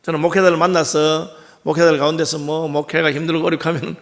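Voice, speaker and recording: A middle-aged man with a Gyeongsang accent preaches from the pulpit in a high-set voice. His tone is gravelly and rough at the edges, and he keeps drawing the congregation in with questions. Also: flat delivery, quick pace. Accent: Gyeongsang Korean. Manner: conversational preaching with frequent rhetorical questions to the congregation. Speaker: pastor. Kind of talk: sermon. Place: church sanctuary.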